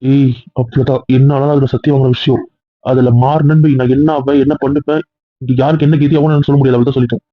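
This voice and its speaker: Man as a forceful young husband, fast and husky, tinny lo-fi audio drama. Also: mid-range voice, flat delivery, no echo, close to an everyday voice. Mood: insistent. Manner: pleading then insistent, quick. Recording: tinny phone-like dry sound.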